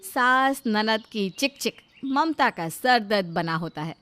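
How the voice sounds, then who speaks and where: A woman narrating a storybook in an even, explanatory way. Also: a little high, slow pace, music in the background.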